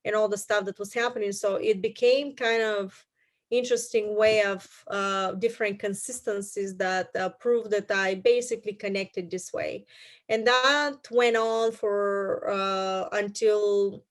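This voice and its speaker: A middle-aged woman from Bulgaria with a Bulgarian accent, telling her story as an interview guest in a halting way with many fillers. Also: mid-range voice, steady tone.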